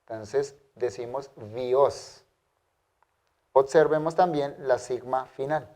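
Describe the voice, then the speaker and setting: A man teaching a language lesson, modeling pronunciation carefully and repeating words slowly for his students. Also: medium pitch, warm tone. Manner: careful, drawn-out pronunciation drills. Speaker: Greek teacher. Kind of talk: slow, deliberate language lesson.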